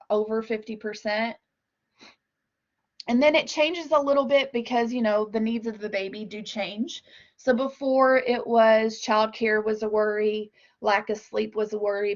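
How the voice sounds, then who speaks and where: Woman presenting slides, muffled audio. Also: on the high side. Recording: dull, lo-fi online meeting audio.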